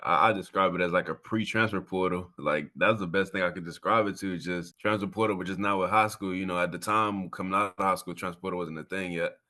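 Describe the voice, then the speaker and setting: A college football player in his twenties from Miami, Florida, speaks casually and earnestly as an interview guest, often repeating himself for emphasis. His deep, sharp voice is fairly even in intonation, and he talks fast with hardly any pauses.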